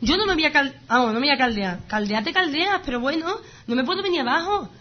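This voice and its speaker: Woman in her 30s talking fast and animated, highish voice, kinda dull lo-fi sound. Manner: animated, emphatic storytelling. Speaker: guest sharing her illness story. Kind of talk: casual conversation.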